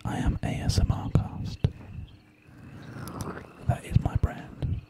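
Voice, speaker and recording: A man whispering casually and reassuringly as an ASMR live streamer, chatting unhurriedly with his viewers. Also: slow.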